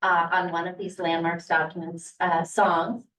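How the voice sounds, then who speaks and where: A woman's voice: on the low side, little pitch movement, a little slow, fairly bright tone. A woman first grade teacher introducing her students' presentation in an upbeat way, with the occasional uh. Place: boardroom. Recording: echoey room from a distance.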